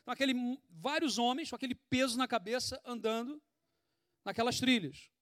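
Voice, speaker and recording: Speaking a little fast, a Brazilian-accented pastor gives an animated, conversational sermon and throws in rhetorical questions. His voice sits high for a man, and he's sweating as he preaches. It's recorded dry and close, with no room sound.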